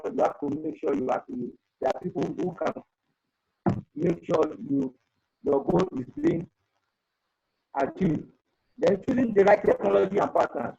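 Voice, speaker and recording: This high-pitched male voice is gravelly and warm with a breathy edge, and the recording sounds muffled. Speaking as a data protection panelist in a webinar, he advises earnestly over an earphone mic and often repeats himself. His audio breaks up on the online conference call.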